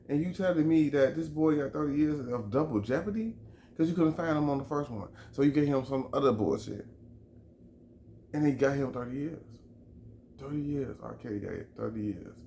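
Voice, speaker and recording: Faint hiss or hum sits under a man's slightly high, dark-toned voice. He's a Chicago vlogger ranting his opinions to camera, heated, emphatic, profane and prone to repeating himself, in a roomy, echoey space with faint ambience.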